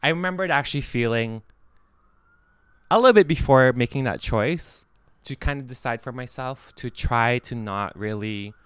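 A man's voice: medium pitch, moderate pace, fairly bright tone, clear, resonant tone, dry recording. A young man talking casually in an apartment, rambling with lots of fillers and restarts. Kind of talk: casual chat.

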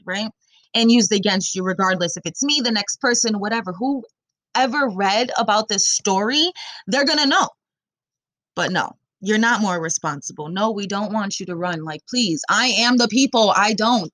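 A woman's voice: medium pitch, a bit bright, no echo. Blunt, rambling woman. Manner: blunt and profane, rambling with many fillers. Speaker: commentator. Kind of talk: casual opinion commentary.

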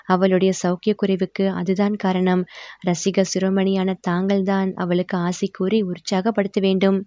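A woman's voice: mid-range voice, flat delivery, moderate pace, dark tone, no room sound, clean studio sound, close to an everyday voice. A woman voicing a devoted, earnest older male sculptor in a storybook reading, with humble, deferential speech.

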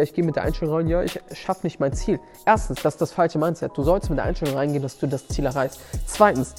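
A man's voice: fairly high pitch, darkish tone. A man hosting a motivational podcast, speaking emphatically and often repeating and restarting his phrases. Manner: emphatic, repeats key words, frequent restarts. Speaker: podcast host and seminar coach.

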